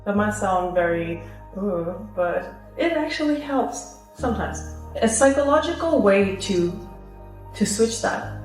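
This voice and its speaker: A woman's voice: medium pitch, darkish tone. A woman from Sweden answering audience questions at a seminar, giving earnest advice and acting out little inner voices. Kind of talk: seminar Q&A talk. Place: seminar hall. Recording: echoey hall, far from the mic, faint music.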